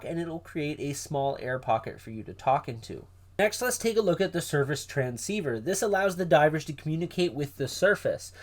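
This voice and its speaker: A man hosting a product unboxing, explaining gear directly to viewers in a presenter's style. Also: a little high. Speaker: host of a diving gear review channel.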